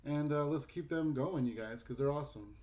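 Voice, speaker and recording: A man's voice: a little high, brisk, darkish tone. A man hosting an online comedy show, talking casually with many fillers as he introduces the next act. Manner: casual, filler-heavy, upbeat. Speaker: show host.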